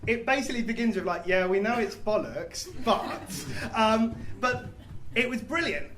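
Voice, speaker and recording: A man's voice: high voice, fairly bright tone, reverberant. A man telling a story on a comedy stage in a rambling, self-deprecating way, with many fillers. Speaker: comedy musician.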